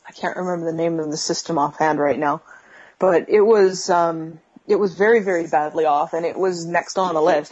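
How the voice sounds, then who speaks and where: A woman's voice: fairly low pitch, darkish tone, dull audio. A woman answering interview questions over a bad phone video call from her bedroom, with a connection that breaks up, and speaking hesitantly with many fillers. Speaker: interview guest. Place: bedroom at home. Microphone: video call app on a phone.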